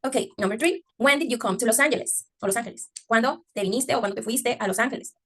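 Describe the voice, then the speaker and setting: A woman teacher explaining English grammar in Spanish, often checking understanding with a quick "ok?" and slowing down to stress English words. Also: on the high side, fairly bright tone. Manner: slows down to exaggerate English pronunciation. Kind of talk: online English class taught in Spanish.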